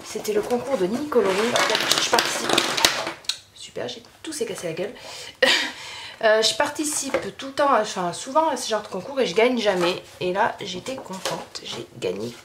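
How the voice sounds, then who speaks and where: A woman's voice: medium pitch, very animated, normal speed, very noisy. A French woman chatting casually through an art-supply haul video, rambling with many fillers and restarts. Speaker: craft youtuber showing art supplies.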